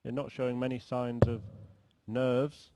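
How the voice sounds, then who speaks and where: A man's voice: medium pitch, little pitch movement, measured pace. A man commentating live on a darts match, describing the play and the players. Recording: very noisy live sports broadcast.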